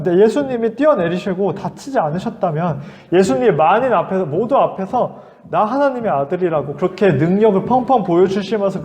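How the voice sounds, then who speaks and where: High-voiced man telling a Bible story to kids. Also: dark tone, big-room sound. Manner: vivid storytelling, shifting into character voices. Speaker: children's ministry preacher. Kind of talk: storytelling sermon for children.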